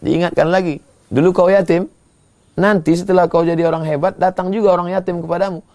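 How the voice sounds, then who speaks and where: Gravelly-voiced man preaching a sermon. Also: sits high, fairly even intonation, a little mellow. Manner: swings from slow drawn-out chanting to quick emphatic scolding. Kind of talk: sermon with Quran recitation.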